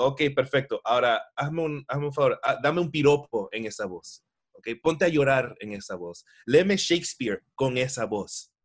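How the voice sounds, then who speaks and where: A man who directs dubbing and acts with his voice, chatting casually and acting out the exchanges he tells about. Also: mid-range voice. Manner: animated storyteller, acts out quoted exchanges. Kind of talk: casual conversation.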